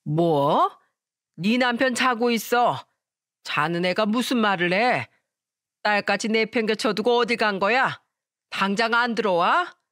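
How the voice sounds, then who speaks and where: Here the storyteller takes on a distrustful elderly mother-in-law, raising her pitch and volume above her narrating voice to scold and hurl accusations. It plays like a story radio drama, recorded close and dry without echo, paced a little slowly and sounding close to everyday speech.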